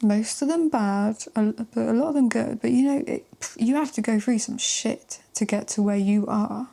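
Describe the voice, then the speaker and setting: A woman giving a casual tarot love reading to camera, chatty and emphatic with casual swearing, sometimes dropping into a soft whisper. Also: fairly high pitch, normal speed, creaky. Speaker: tarot reader.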